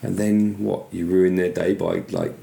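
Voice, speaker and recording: Deep gravelly-voiced male podcast host. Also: measured pace, roomy sound. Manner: relaxed, rambling with restarts. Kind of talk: casual interview chat.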